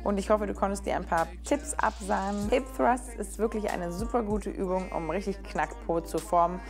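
A woman's voice: mid-range voice, moderate pace, over music. Upbeat woman explaining her gym routine. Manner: upbeat and chatty, explains each exercise step by step. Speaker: fitness vlogger.

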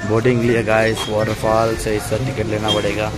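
This travel vlogger is a young man with a lowish voice, a completely flat delivery and a moderate pace, yet he's chatty, laughs, and addresses viewers as friends. His casual vlog is shot outdoors on busy town streets and at a tourist site with a phone held out for selfies. Loud background music runs over the talk.

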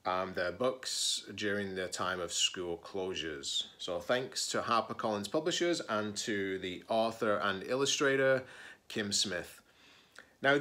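A teacher-librarian in his forties reads a children's picture book aloud with expression, leaning on key words and tossing in casual asides. His voice is fairly low in pitch with a fairly bright tone.

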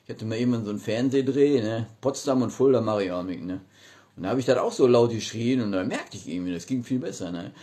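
A man's voice: lowish voice, animated, fast talker, mellow. A middle-aged man hosting a casual livestream from a small room, talking colloquially and often tagging remarks with a short question. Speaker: livestream host. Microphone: phone at arm's length.

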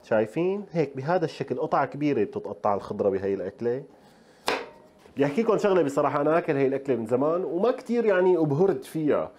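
A man's voice: fairly high pitch, very animated, racing, noisy background. A male chef with a Levantine Arabic accent hosting a casual cooking tutorial in a home kitchen. He chats straight to the viewers and throws in playful asides. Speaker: chef and show host.

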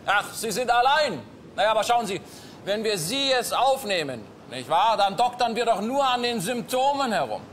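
A man's voice: sits high, very animated, moderate pace, a bit bright, a little hiss or hum. A man playing a smug male cruise passenger who talks in a pompous, lecturing way.

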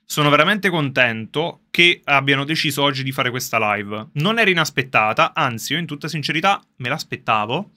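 A man chatting casually to his viewers on a livestream from a soundproofed underground gaming room, excitable and quick to laugh. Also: a little high. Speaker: streamer reacting live to a game reveal. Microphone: streaming setup with facecam.

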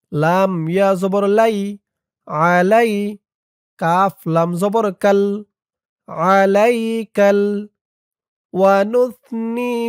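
A man with a Bangladeshi Bengali accent teaching a prayer in an Arabic lesson, spelling out each letter and vowel mark and then reciting the words slowly and drawn out. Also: high voice, smooth, no room sound, studio quality. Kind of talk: slow syllable-by-syllable recitation lesson.

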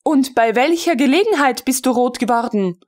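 A woman reading a jealous, imperious young female colonel in an audiobook, scolding sharply in a high voice. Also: expressive, normal speed.

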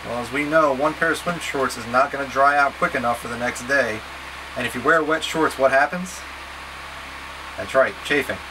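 A man in his thirties speaks at medium pitch and normal speed, acting as a trip leader who gives plain-spoken, casually directive packing instructions to the camera step by step. He is indoors in a small wood-panelled boat cabin, with a steady hum and noise in the background.

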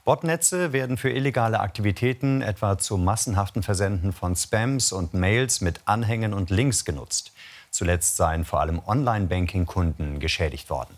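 A man presenting the news as anchor, formal and even. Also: lowish voice, normal speed.

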